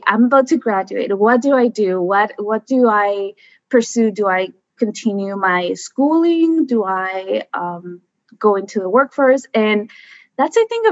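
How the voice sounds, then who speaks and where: A woman's voice: medium pitch, no room sound. A chatty woman tells her story at an easy pace, with plenty of fillers and restarts. Her voice comes through a dry, slightly dull remote mic with no room sound. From Mexico. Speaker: guest, environmental scientist. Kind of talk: casual conversation.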